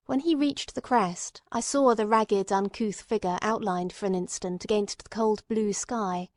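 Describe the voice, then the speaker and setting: In a dry recording, a female audiobook narrator reads literary prose from a script with deliberate, carefully shaped phrasing. Her mid-range voice has a slightly mellow quality.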